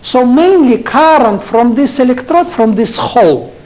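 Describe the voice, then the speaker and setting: An older man with a Russian accent giving a university lecture, speaking in halting English and asking his students rhetorical questions. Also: very high voice, lively intonation, darkish tone, rough recording. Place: lecture hall.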